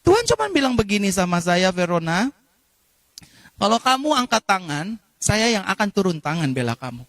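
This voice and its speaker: High-voiced impassioned pastor preaching. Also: male voice, big pitch swings, a bit bright, dry recording. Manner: impassioned preaching, breaks into slow sung prayer. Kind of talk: sermon.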